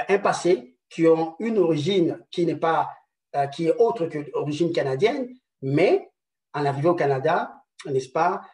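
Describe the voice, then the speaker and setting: A man's voice: fairly high pitch, a little mellow, reverberant, far from the mic. A man giving a conference presentation, hesitating often with repeated words and fillers, and checking in with his audience through rhetorical questions. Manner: rhetorical "n'est-ce pas" tags. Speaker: conference speaker. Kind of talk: presentation lecture.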